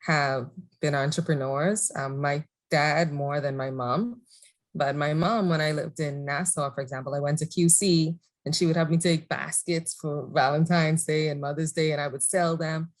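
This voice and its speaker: A woman from the Bahamas, answering interview questions in a measured, thoughtful way and laughing easily. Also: sits low. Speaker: guest entrepreneur. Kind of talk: conversational interview.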